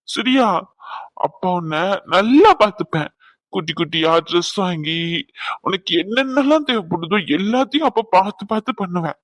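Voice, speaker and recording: A man voicing a doting young husband who talks softly and coaxingly to his unborn child. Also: high voice, dry recording. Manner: soft, coaxing, affectionate.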